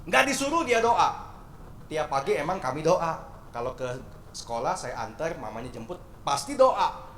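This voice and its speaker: A man's voice: fairly high pitch, normal speed, a little hiss or hum. Male pastor giving a sermon, chatty and playful, fond of rhetorical questions; slightly raised voice, roomy church acoustics. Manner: lively, conversational, with rhetorical questions and jokes. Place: church sanctuary. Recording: echoey church hall with faint ambience.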